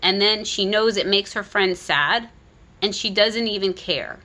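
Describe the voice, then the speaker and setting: Woman, parent, vlog reviewer; bright tone, mid pitch, candid and critical, casual delivery. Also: unhurried. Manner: frank, critical, with "like" and "you know" fillers. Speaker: parent reviewing a children's book. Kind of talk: opinionated casual commentary.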